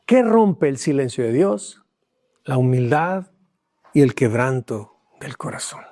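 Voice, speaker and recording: A man preaching a sermon as pastor, telling a personal story with emotion, dropping to hushed tones and rising again. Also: mid-range voice, very animated, takes it slowly, dry recording, studio quality. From Mexico. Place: church.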